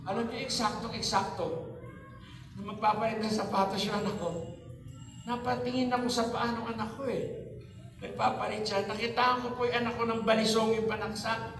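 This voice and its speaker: Filipino guy giving a church testimony, high voice but kinda flat, sounds far off in a big echoey hall. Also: fairly quick. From Philippines. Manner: earnest storytelling, acts out past dialogue. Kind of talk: testimony sermon.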